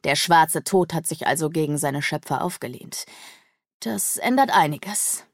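A woman's voice: low voice, animated, unhurried, no echo, studio quality, exaggerated voice. A woman voicing an arrogant, imperious male demon sorcerer who snaps out his words in an audiobook. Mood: haughty. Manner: commanding, snapping, harsh. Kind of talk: audiobook character voice.

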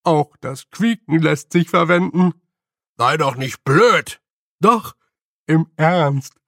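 A man reading an audiobook voices a gang of small, rowdy fairy men who squabble loudly. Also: a little high, slow, dry recording, clean studio sound. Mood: squabbling. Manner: loud, squabbling. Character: rowdy tiny fairy men, boastful bickering.

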